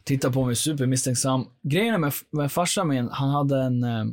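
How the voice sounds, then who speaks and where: A man, a podcast guest, telling his personal life story in an earnest, animated way, with frequent fillers. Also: mid-range voice.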